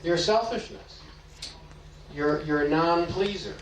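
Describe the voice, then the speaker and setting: A man's voice: on the high side, slow, a little hiss or hum. Man lecturing from far off in echoey room. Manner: storytelling, asks rhetorical questions. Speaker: psychology teacher. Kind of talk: explanatory lecture.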